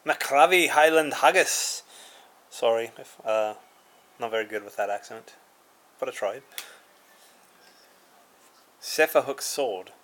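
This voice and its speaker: A man's voice: fairly low pitch, slow, pauses often, rough recording. A man casually reviewing a card game, reading card names aloud with dry asides and chuckles.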